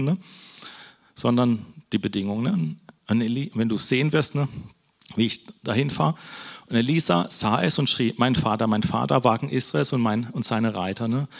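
Male preacher, gravelly voice, chatty sermon style, keeps checking in with the congregation. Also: mid-range voice. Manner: conversational, frequent "ne?" tags. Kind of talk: casual sermon.

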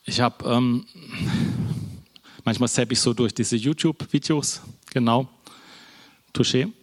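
A man's voice: medium pitch, measured pace. A man giving an informal sermon in a church hall, conversational, tagging nearly every phrase with a questioning "ne?" and often restarting and correcting himself. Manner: conversational, keeps adding a questioning "ne?"; false starts and self-corrections. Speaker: preacher.

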